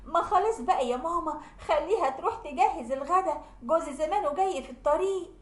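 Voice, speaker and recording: A woman's voice: extremely high pitch, animated, fast, pitched above the performer's own voice. A woman voicing an impatient Egyptian sister-in-law who talks curtly. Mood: dismissive. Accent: Egyptian Arabic. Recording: roomy echo.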